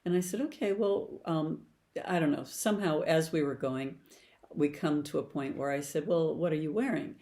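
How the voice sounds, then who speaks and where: A woman's voice: sits low, moderate pace, warm tone. An older woman, a past life regression therapist, explaining in a conversational, storytelling way. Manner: conversational, storytelling with client anecdotes. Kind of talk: explanatory talk.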